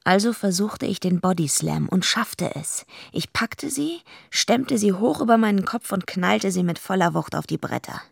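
A woman's voice: medium pitch, expressive, normal speed, few pauses, no room sound, clean studio sound, heavily acted. An actress playing a blunt, foul-mouthed heavyweight female wrestler who also narrates the radio play. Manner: blunt, gruff and defiant. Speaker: narrator and lead.

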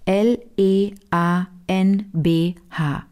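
A woman hosting a relaxed conversation, retelling a book with animated enthusiasm. She keeps tripping over her words and restarting, full of little fillers. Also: medium pitch, very slow, smooth. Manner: lively storyteller, many fillers and restarts. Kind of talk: casual chat, retelling a novel.

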